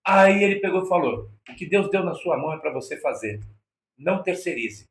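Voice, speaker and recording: A man with a Brazilian Portuguese accent, his voice on the high side, expressive and fairly quick, tells a personal story as an interview guest. He acts out quoted dialogue with shifting voices, recorded in an echoey room with slight background noise.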